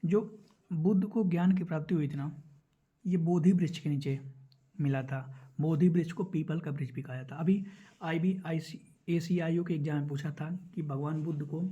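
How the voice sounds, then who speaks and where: Going through quiz questions in an exam prep lesson, a man with a high-leaning, mellow, slightly breathy voice explains each step and repeats key points instructively. He checks in with listeners, and the audio sounds dull.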